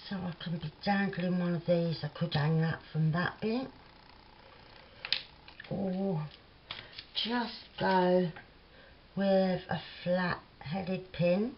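A woman's voice: fairly low pitch, steady tone, slow, long pauses, dull audio, a little hiss or hum. A woman with a Cockney accent chatting and thinking aloud as she works at her craft desk. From London. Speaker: craft vlogger. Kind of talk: casual crafting tutorial.

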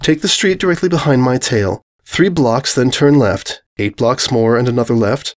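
A man's voice: medium pitch, normal speed, lightly acted. Man voicing formal, dry Princess Luna. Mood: composed, formal. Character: stately dark-blue pony princess, dry and grave.

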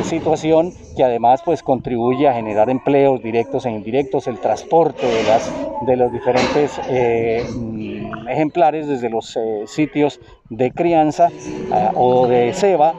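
A man with a Colombian accent giving a formal, improvised news report on location, with drawn-out hesitations. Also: mid-range voice. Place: outdoors at livestock auction yards. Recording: dull lo-fi outdoor sound with crowd noise. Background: crowd noise and distant auctioneers.

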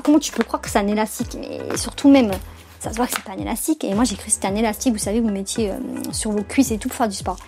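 Chatty, self-mocking young woman hosting a haul vlog; slightly high voice, faint music underneath. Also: a little mellow. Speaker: YouTube haul vlogger. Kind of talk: casual haul vlog to camera.

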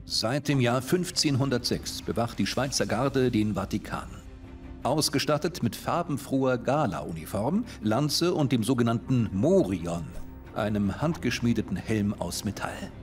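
A man reads a scripted voice-over explaining a fact. His pitch is mid but lively in its rise and fall, and soft music plays underneath. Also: measured pace. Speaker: voice-over narrator. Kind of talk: scripted narration.

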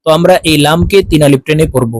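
A man teaching prayer recitation, explaining word by word and chanting the phrases drawn out. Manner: explains slowly, then chants Arabic phrases drawn out and higher. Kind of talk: religious lesson.

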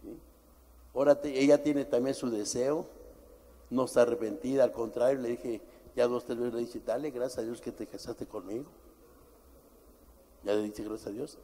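A middle-aged man preaching a sermon as pastor, forceful and emphatic, swinging from shouts to low asides. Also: steady tone, moderate pace, pauses often. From Mexico. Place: church. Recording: church hall with long reverb.

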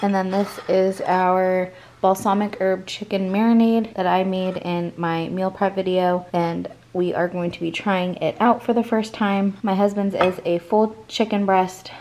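A woman's voice: medium pitch, little pitch movement, unhurried, darkish tone, a little hiss or hum. A woman in her forties talks through her cooking in a home kitchen, chatty and easygoing, often stopping to correct herself mid-sentence. She records on a handheld phone as she moves around the counters. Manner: chatty, talks while cooking, many restarts. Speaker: home cook vlogger. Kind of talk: casual cooking vlog narration.

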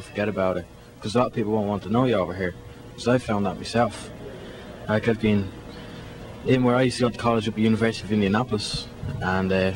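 A young man in his twenties from Ireland with an Irish accent, talking bluntly and dismissively into a handheld mic in a mall. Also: lowish voice. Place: indoor shopping mall. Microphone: handheld mic held by interviewer.

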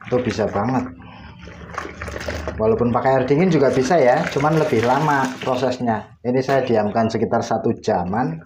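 Speaking at a normal speed in a medium-pitched voice, a man hosts a laundry tutorial, casually explaining each step while working indoors in his home laundry area. The background is noisy.

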